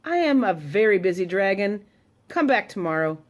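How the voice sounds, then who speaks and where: A woman voicing a boastful, lazy male dragon in a storybook reading, low and gloating. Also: big pitch swings, normal speed, natural voice.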